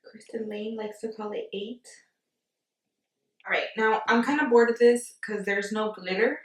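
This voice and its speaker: A woman's voice: mid-range voice, fairly even intonation, measured pace. A woman chatting through a casual makeup tutorial, giggly and tipsy, playful, slangy and exclamatory. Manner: giggly, tipsy drunk talk. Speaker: beauty vlogger. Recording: echoey room, distant from mic.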